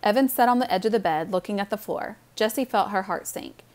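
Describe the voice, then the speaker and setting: Calm woman reading a storybook. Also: mid-range voice, brisk. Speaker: audiobook narrator. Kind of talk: storybook narration.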